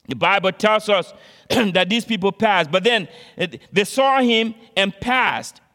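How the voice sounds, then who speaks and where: Male preacher, high and bright, earnest, repeats lines, reverberant hall. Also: a little slow. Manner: repeats phrases for emphasis, earnest exhortation. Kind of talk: sermon.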